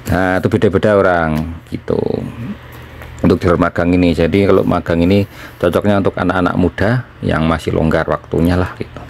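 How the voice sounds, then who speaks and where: A man from Indonesia explaining things in a casual chat as he eats, with pauses between phrases. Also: deep voice, fairly even intonation, gravelly, a little hiss or hum. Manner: talking while eating, with pauses. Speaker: vlogger, former trainee in Japan.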